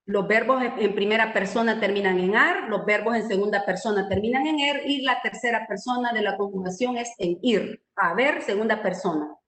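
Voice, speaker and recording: A woman's voice: medium pitch, normal speed, few pauses, a bit bright. Woman, grammar instructor, online class, patient explanations, echoey room. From El Salvador. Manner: patient, explanatory, frequent checking tags. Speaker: writing and spelling instructor. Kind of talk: online training lesson.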